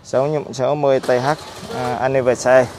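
A middle-aged man presents a casual motorcycle review outdoors, talking haltingly through a face mask. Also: medium pitch, little pitch movement, darkish tone, slight background noise. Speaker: motorcycle dealer presenting on own channel. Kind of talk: casual vlog product review. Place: outdoors in a public park by a street.

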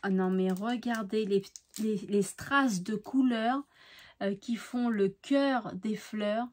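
Woman host, unhurried and gushing over each handmade card, mid-pitched, softening to hushed asides. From France. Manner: slow, effusive, admiring, drops softly to near-whispers. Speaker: craft channel host. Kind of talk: casual mail-opening show-and-tell.

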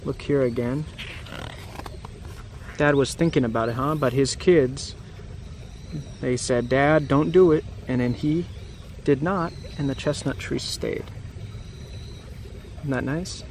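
Slow and deliberate, with long pauses, a man in his thirties reads a picture book outdoors in a medium-pitched, darkish voice. He keeps to simple phrasing and chats with the young listeners, asking them questions. It's a grassy, wooded yard, recorded on outdoor camera audio with background noise.

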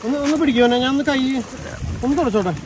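A man who talks very fast and explains things as he goes, in an easy family-vlog manner. He is recorded outdoors by a fish pond, with clear background noise around him. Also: extremely high pitch. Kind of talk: casual family vlog chat.

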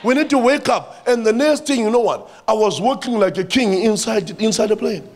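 A man's voice: sits high, fairly quick. A man with a South African accent preaching a sermon, addressing the church and repeating his phrases for emphasis.

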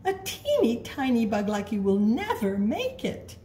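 A woman's voice: a little high, wildly swooping pitch, unhurried, dark tone, echoey room, a little hiss or hum, voice pushed up. A woman voicing a bird who warns discouragingly while reading a storybook aloud. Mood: doubtful. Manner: cautioning, discouraging. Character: warning, doubtful bird.

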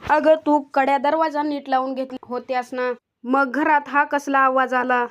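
A woman's voice: sits high, level tone, moderate pace, lightly acted. A woman reading as a worried older father. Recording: dull lo-fi recording.

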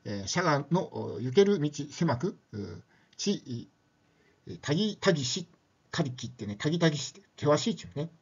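A man's voice: on the high side, big pitch swings, moderate pace, husky. Chatty older man lecturing, lo-fi sound. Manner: chatty, frequent tag questions and fillers. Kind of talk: casual spoken lecture.

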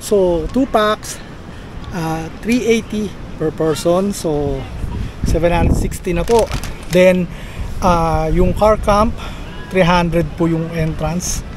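Man with a Filipino accent, high voice, slow easygoing pace, camping vlog, wind noise on the mic. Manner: relaxed, chatty, points things out while walking. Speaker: camping vlogger. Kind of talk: casual vlog tour. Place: outdoors on a shady beach campsite, later inside a tent. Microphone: handheld camera at arm's length.

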